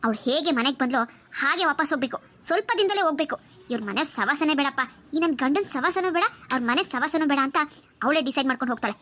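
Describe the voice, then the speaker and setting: Bossy, plotting middle-aged cartoon aunt, brisk delivery. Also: female voice, high-pitched, animated, a bit bright, a little hiss or hum. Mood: scheming. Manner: bossy, conspiratorial, scolding. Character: scheming middle-aged aunt and mother-in-law, domineering. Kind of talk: cartoon voice acting.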